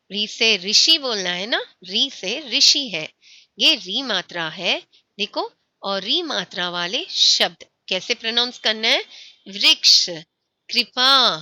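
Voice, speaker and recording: A woman teaching a school Hindi lesson, saying words slowly, repeating them and often checking that her students follow. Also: a little high, bright, forceful tone, dry recording.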